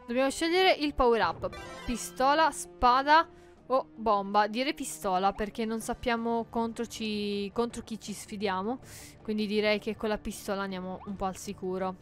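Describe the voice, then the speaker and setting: A woman's voice: medium pitch, steady tone, moderate pace, faint music behind. A woman playing a video game and commenting, chatty and jokey, shrieking in panic when things go wrong. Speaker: gaming YouTuber. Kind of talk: let's play commentary.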